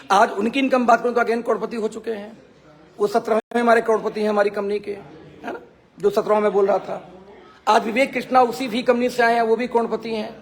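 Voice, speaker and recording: Hosting a motivational talk on Facebook live, a network marketing team leader speaks emphatically in a raspy, gravelly voice that sits high for a man. His pep-talk style leans on repeating phrases for effect.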